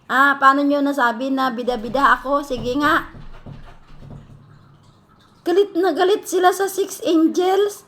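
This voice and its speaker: A woman delivers a heated vlog rant straight to her critics. Her voice sits high and bright, with a sharp, forceful edge. She scolds them and fires off one rhetorical question after another. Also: a little slow, long pauses. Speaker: vlogger answering critics. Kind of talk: heated direct-to-camera rant.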